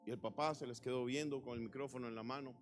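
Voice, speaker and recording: A male pastor preaching a sermon with passion, swinging into sudden loud emphatic bursts. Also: medium pitch, fairly even intonation, fast, soft background music. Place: church.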